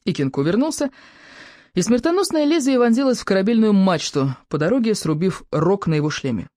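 Animated woman reading a children's book. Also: medium pitch, fairly quick, no room sound, clean studio sound. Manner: animated, playful storytelling. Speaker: audiobook narrator. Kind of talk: expressive audiobook narration.

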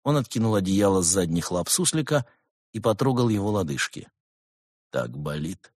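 A man narrating an audiobook in a dry, deadpan manner. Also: fairly low pitch, a little fast, no echo.

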